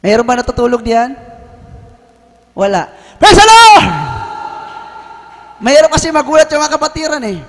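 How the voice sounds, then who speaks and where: A man preaching a sermon and telling a testimony, breaking into shouted praise. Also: very high voice, a little fast, pauses often. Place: church hall. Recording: long hall reverb.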